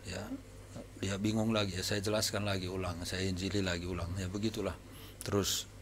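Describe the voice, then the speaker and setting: A man preaching to his congregation as a pastor, telling anecdotes from his visits in a relaxed, conversational way. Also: deep voice, brisk, a little hiss or hum. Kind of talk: sermon testimony to a congregation. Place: church service.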